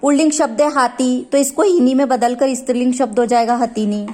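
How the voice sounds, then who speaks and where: Woman, Indian accent, schoolteacher, slightly high voice, careful textbook explanation. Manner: slow, steady explaining, stretching out example words. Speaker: school teacher. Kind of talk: grammar lesson read from a textbook.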